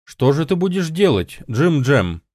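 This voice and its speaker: A man voicing a calm, practical male radio colleague in an audiobook, speaking higher than his own voice. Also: unhurried, no room sound, clean studio sound.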